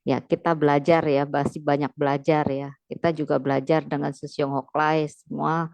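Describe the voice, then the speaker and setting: A woman hosting a group sharing, gently affirming each speaker and inviting the next. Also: low voice, flat delivery, normal speed, vocal fry, dry recording. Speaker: host.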